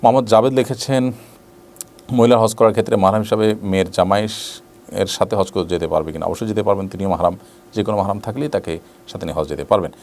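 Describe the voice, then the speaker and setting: A man, an Islamic scholar, answering viewers' questions in a measured, explanatory way with frequent drawn-out pauses. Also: lowish voice, fairly even intonation, a little mellow. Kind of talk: religious Q&A talk.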